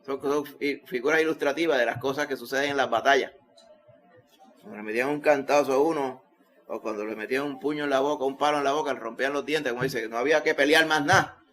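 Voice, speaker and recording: Emphatic Puerto Rican pastor preaching. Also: male voice, mid-range voice, quick pace. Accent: Puerto Rican Spanish. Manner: emphatic preaching, rising loud when quoting scripture. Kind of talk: sermon.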